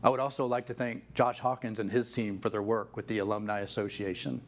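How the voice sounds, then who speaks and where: A man in his fifties speaks in a fairly low voice, reading a prepared acceptance speech as an award recipient. Faint noise sits behind him. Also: little pitch movement, a little fast. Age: 50s.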